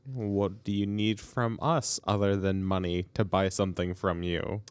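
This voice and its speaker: A man playing a tabletop game, speaking with dry, deadpan sarcasm. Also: deep voice, unhurried, smooth, no echo. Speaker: player. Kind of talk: in-character tabletop role-play.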